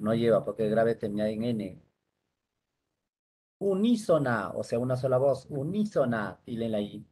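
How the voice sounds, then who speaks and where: A man's voice: medium pitch, breathy edge. A male teacher giving an online lesson on rules, patiently spelling words out syllable by syllable.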